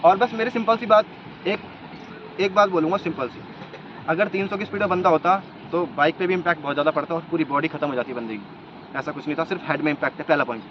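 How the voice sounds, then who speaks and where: A man's voice: a little high, quick pace. A young man vlogging outdoors, laying out his points one by one in an argumentative commentary. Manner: argumentative, makes points in a row. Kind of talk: commentary vlog. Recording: slightly dull lo-fi sound with faint noise.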